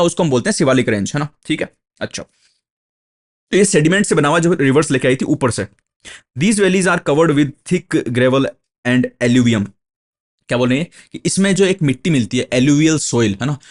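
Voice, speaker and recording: Man teaching a step-by-step exam lecture. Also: fairly high pitch. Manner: explains step by step, repeats key terms, asks and answers his own questions; slow, deliberate when reading English textbook lines aloud.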